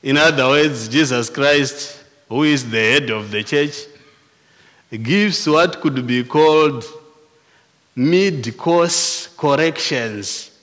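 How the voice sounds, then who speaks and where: Slow Zimbabwean-accented male preacher. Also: medium pitch, fairly bright tone, big-room sound. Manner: slow and deliberate, with frequent restarts and repeated words. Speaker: pastor. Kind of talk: sermon.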